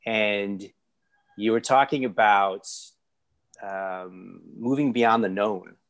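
A man's voice: fairly low pitch, slow, a bit bright. A man hosting a podcast interview, friendly and welcoming, with frequent "um" fillers. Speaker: podcast host.

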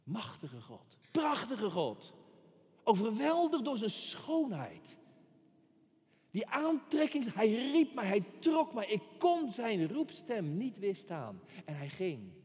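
High-voiced emphatic male preacher, echoing hall. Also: huge pitch swings, slow, a little mellow. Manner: emphatic, repeats words for effect. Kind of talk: sermon.

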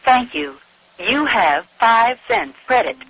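A woman's recorded operator prompts, heard over a payphone call, spoken slowly in clipped phrases. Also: on the high side, big pitch swings, creaky. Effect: payphone call line. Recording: dull lo-fi phone line with faint noise.

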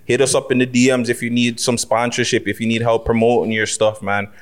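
A man's voice: medium pitch, completely flat delivery, fairly quick. A man hosting a casual podcast, talking emphatically in street slang and swearing freely. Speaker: podcast host.

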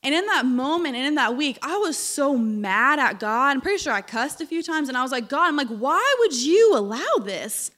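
A young woman preaching a sermon, animated and storytelling, with a voice still recovering from being lost. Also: high-pitched, fairly quick, hardly any pauses. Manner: animated, storytelling, laughs when uncomfortable.

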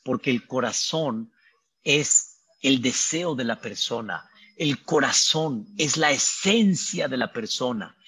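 Husky rabbi preaching. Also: male voice, mid-range voice, slow. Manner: animated preaching with repeated rhetorical questions to the audience. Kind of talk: sermon.

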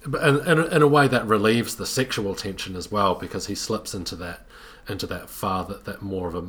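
A man's voice: fairly low pitch, fairly quick, fairly bright tone. A man in casual conversation, thoughtfully breaking down a film scene with frequent restarts. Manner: thoughtful, many restarts while building a point. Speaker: podcast co-host discussing a film.

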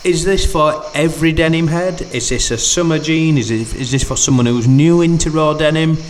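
A man's voice: a little high, normal speed, slight background noise. A man hosting a podcast, chatting loosely and packing his talk with "like". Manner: chatty, loose, piles up fillers like "like". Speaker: podcast host. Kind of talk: casual podcast chat.

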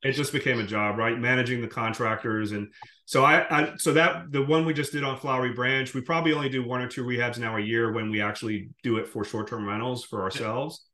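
A Caribbean podcast guest, raised in Jamaica after being born in Guyana, talks through his short-term rental business in a detailed, conversational way. His mid-range voice is bright and forceful, steady in tone and fairly quick. The room echoes noticeably.

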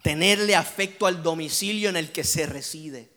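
A man's voice: fairly high pitch, moderate pace, sharp tone. A man preaching a sermon with impassioned, rhythmic repetition that swells into near-singing.

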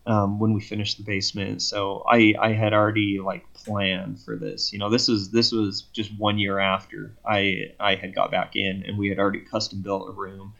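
A man's voice: lowish voice, normal speed, gravelly, few pauses, lo-fi sound. A man speaking as a podcast guest, telling a long story casually and acting out both sides of each conversation. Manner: animated retelling that acts out both sides of conversations.

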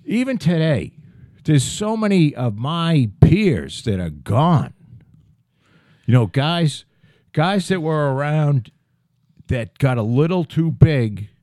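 A man's voice: on the high side, big pitch swings, slow pace, long pauses, darkish tone, no echo, clean studio sound. A man in his fifties co-hosting a podcast in casual chat, rambling and swearing as he goes. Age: 50s. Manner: profane, rambling, trailing off. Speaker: podcast co-host.

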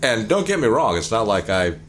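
Casting: low-voiced male podcast co-host, blunt, profane, rambling, fast talker. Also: very animated, fairly bright tone, slight background noise. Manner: speaks rapidly by his own account. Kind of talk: casual chat.

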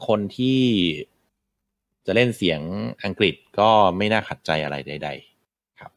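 A man talks through a video game with his co-hosts, wandering through his points with fillers and restarts. His voice sits very low. The mic is close and dry, with no room sound. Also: expressive, slow, dry recording. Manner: rambling, many fillers and restarts. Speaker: game podcast host. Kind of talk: casual game discussion.

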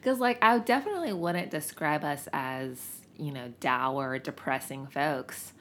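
A woman's voice: low voice, expressive, measured pace, a bit bright, a little hiss or hum. A woman co-hosting a podcast in casual, playful, joking chat. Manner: playful, jokey. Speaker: podcast co-host.

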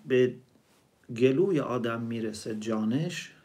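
Male preacher, storytelling sermon, slow recitations. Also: mid-range voice, expressive, a little mellow. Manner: explains word meanings, recites verses slowly.

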